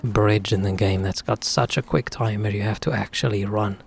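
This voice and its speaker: Gravelly man chatting over his game. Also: on the low side, normal speed, slight background noise. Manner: relaxed, chatty, thinking aloud. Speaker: streamer. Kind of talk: casual gaming commentary.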